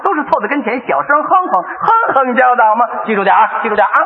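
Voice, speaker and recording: A man performing crosstalk comedy, telling a story with lively delivery and acting out a child's questions. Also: high-pitched, racing. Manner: lively storytelling, acts out his son's questions. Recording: old tinny radio broadcast with long reverb.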